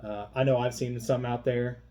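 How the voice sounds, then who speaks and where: Unboxing something on video, a man keeps up a casual, unplanned, wandering chat. He has a medium-pitched voice at a moderate pace, recorded clearly with a constant hum in the background.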